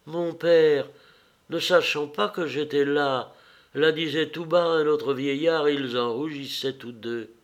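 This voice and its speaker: A devoted young Greek woman, timid and pleading, as a male audiobook reader gives her lines. She speaks slowly in a slightly high, tender voice. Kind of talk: audiobook reading.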